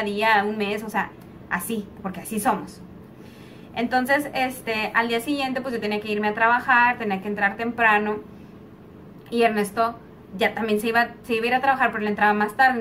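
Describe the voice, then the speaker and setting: A woman's voice: on the high side, fairly bright tone, slight background noise. A young woman with a Mexican accent tells a rambling, chatty story-time vlog, full of fillers, recorded on a slightly distant mic. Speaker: vlogger. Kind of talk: casual story-time monologue.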